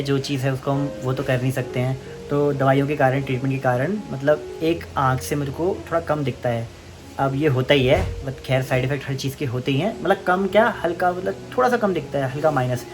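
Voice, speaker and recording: A young man from Uttarakhand, vlogging in a casual, chatty way while walking outdoors in hill country. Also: medium pitch. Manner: chatty, leaning on fillers and loose restarts.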